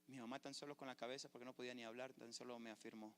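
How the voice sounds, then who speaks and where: A man's voice: mid-range voice, little pitch movement, racing, fairly bright tone, slight background noise. A man, a pastor preaching a sermon and telling a personal testimony with fervor. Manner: fervent preacher, storytelling testimony. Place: church sanctuary. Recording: echoey church hall.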